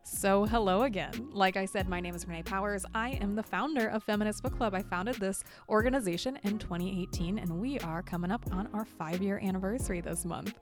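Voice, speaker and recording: A woman in her thirties from Indiana, the podcast host, reading an upbeat prepared self-introduction. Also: medium pitch. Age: 30s. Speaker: podcast host and book club founder. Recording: podcast with music underneath.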